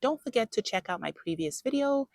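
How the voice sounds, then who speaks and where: A woman's voice: fairly high pitch, animated, brisk, creaky, no echo, clean studio sound. A woman hosting a casual gardening vlog, chatting directly to viewers with frequent fillers. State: out of breath. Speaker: gardening channel host.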